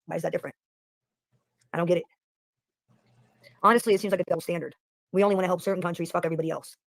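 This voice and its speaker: A man's voice: high-pitched, fairly even intonation, rapid-fire, gravelly, a bit bright, no echo. An American man hosting a livestream, rambling through a profane, opinionated political rant in casual chat. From United States. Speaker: livestream host.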